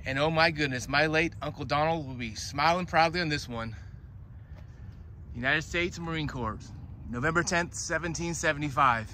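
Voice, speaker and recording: A man's voice: fairly high pitch, moderate pace, bright, forceful tone. A man speaking as a tour guide, narrating an outdoor walking tour and explaining the sights as he goes. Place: outdoors in a public park. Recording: outdoor recording with urban ambient noise.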